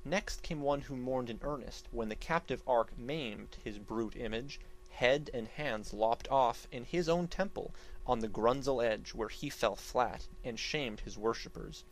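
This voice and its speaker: A man's voice: mid-range voice, a little slow, low-quality recording. Theatrical man declaiming epic verse. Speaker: narrator reading an epic poem. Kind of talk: dramatic reading of archaic epic verse.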